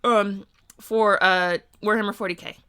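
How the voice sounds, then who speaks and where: A woman chats on her live stream, rambling through her thoughts with frequent ums and uhs. Her voice is bright and clear, though she sounds worn out and sleepy. She talks casually and easily into a streaming mic. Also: medium pitch, steady tone, measured pace. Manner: rambling, many ums and uhs, thinking aloud. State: tired, sleepy.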